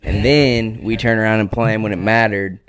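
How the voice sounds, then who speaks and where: A young man with a fairly low voice co-hosts a casual sports podcast. He tells his stories with animated, teasing energy. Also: moderate pace, clear, resonant tone, no room sound. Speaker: podcast co-host.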